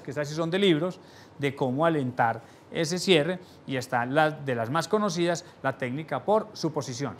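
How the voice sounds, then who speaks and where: A man teaching a live sales seminar. He asks the audience rhetorical questions and drops his voice low to stress key points. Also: slight background noise. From Latin America. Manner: animated, shifts volume for emphasis, drops voice low on key points. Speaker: sales trainer.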